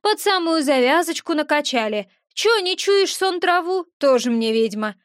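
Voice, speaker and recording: A cheeky, sulky little winged creature who snaps in rustic slang, performed by a woman reading a fantasy audiobook. The voice sits high and squeaky, and the recording is close and dry. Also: lively intonation, normal speed, dry recording. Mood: grumbling. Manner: rude, rustic slangy grumbling. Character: grumpy little eared winged male sprite.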